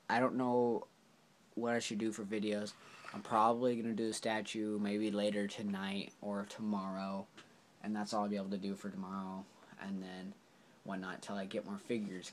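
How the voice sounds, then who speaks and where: A man talks through an action figure review into his camera, rambling and full of fillers. He keeps apologizing as he goes. His voice sits a bit low, with faint hiss behind it. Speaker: toy reviewer. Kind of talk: casual toy review vlog.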